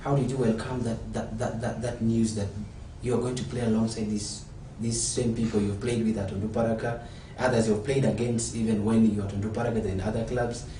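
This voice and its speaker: A man's voice: lowish voice, flat delivery, dark tone, distant mic, a little hiss or hum. Male talk show host, off-mic, echoey. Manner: halting, repeats words while asking. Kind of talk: studio interview. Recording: echoey room, off-mic, faint ambience.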